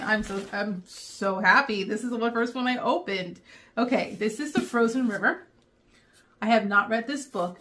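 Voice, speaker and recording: A middle-aged woman, chatting in a rambling way with many pauses, going emotional at times. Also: mid-range voice, a bit bright, slight background noise. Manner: emotional, near tears. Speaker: book vlogger. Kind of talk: casual chat.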